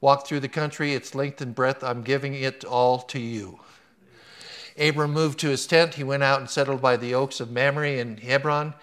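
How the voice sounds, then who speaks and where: A man gives a sermon in a relaxed, conversational way. He tells an anecdote with animation, then moves into reading a scripture passage. His voice sits at an ordinary middle pitch for a man. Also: moderate pace, clean tone. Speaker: pastor.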